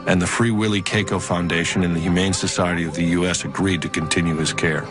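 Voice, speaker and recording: A man's voice: low voice, fairly even intonation, fast talker. A man reading scripted narration for a documentary. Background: prominent music.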